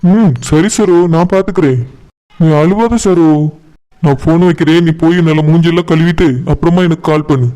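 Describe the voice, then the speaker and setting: A man voicing a young village man in a cartoon, calm and reassuring on the phone. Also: fairly high pitch, normal speed, close to an everyday voice, rough recording.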